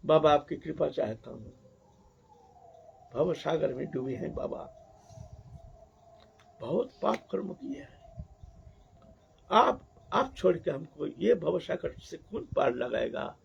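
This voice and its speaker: A man's voice: a little high, big pitch swings, slow, gravelly, pauses often, a little hiss or hum, exaggerated voice. A man voicing a repentant young woman who tearfully begs a saint for mercy, in a dull lo-fi recording. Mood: pleading. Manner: pleading, tearful.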